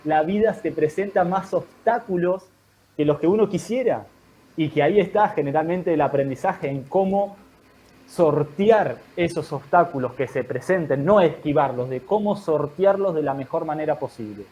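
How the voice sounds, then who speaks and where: A man, a guest in an online talk, giving calm, thoughtful advice in measured explanatory phrases. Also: fairly high pitch. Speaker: guest speaker.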